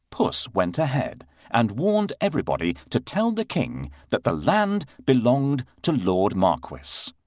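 A man narrating a bedtime fairy tale for children at a slow, deliberate pace. His voice is fairly low but leaps widely in pitch, adding playful sound effects. The recording is close and dry. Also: no room sound. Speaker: storyteller.

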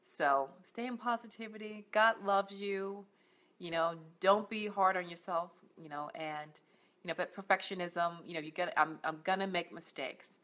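Here the voice sits on the low side, fairly bright in tone and at a moderate pace. She's a middle-aged life coach on her home couch, talking to camera for a faith-based motivational vlog, earnest and encouraging, with lots of fillers and restarts.

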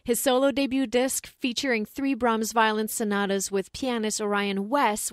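A woman's voice: a little high, dry recording, clean studio sound. A woman hosting a podcast, enthusiastically reading a guest's introduction and asking questions. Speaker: podcast host. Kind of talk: podcast interview.

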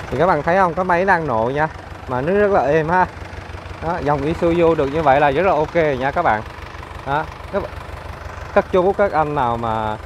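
Southern vietnamese guy selling a used car, friendly patter, normal pitch, engine rumbling loud in the back. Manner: chatty, upbeat sales patter with frequent fillers. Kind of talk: casual walkaround sales video. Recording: engine noise and ambient clatter. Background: idling car engine.

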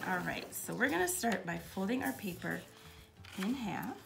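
Animated woman with sing-song intonation. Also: mid-range voice, moderate pace, creaky, over music. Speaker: children's art teacher, host. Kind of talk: upbeat art tutorial for children.

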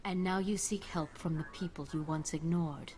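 A woman's voice: sits low, steady tone, moderate pace, very noisy, natural voice. A woman voicing a bitter, sickly matriarch. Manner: haughty and reproachful. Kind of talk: game voice acting.

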